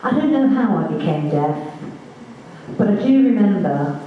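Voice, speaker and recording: A woman giving spoken first-person testimony at a reunion, measured and halting, with small restarts, in a large assembly hall on a distant mic. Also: mid-range voice, lively intonation, narrow, tinny audio, slight background noise. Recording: echoey hall from far off.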